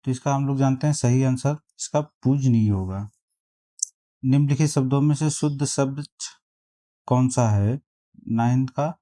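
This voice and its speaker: A man teaching a spelling lesson, reading out quiz options and repeating each word slowly to compare them. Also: mid-range voice, mellow. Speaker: exam prep teacher.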